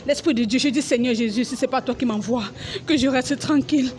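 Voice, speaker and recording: A woman's voice: sits high, a little fast, a little mellow. A woman giving an emotional religious testimony, dramatic and repetitive, crying out as she relives the scenes. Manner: dramatic, repeats phrases, cries out and acts out scenes.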